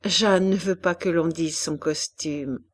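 A woman voicing a gentle, composed young mother in an audiobook, speaking softly and with restraint. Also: low voice, fairly even intonation, takes it slowly, no room sound. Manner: soft, restrained.

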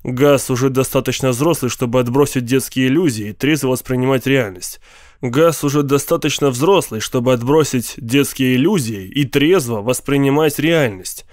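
A cold, domineering husband barks short orders, read by a male narrator. The voice sits at a middling pitch. It is recorded dry and close in an audiobook reading. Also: normal speed, a little mellow, no room sound, natural voice. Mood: scornful. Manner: curt, snapping orders.

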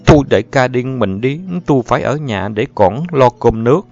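A man playing a blunt, grumbling young sidekick with a slightly raised voice. The storybook voice has a gravelly edge. A faint music bed plays under a slightly dull recording. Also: medium pitch, a little fast, a little mellow, voice pushed up, natural voice.

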